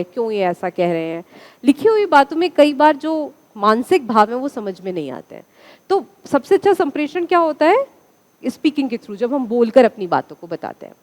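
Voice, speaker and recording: A woman's voice: on the high side, darkish tone. A woman teacher giving a classroom lecture, asking the students questions and answering them herself.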